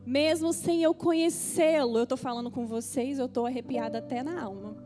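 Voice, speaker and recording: A woman's voice: high-pitched, normal speed, warm tone, soft background music. A woman pastor with a Brazilian Portuguese accent preaching a testimony sermon, talking straight to the congregation with feeling. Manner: emotional storytelling, addresses the congregation directly.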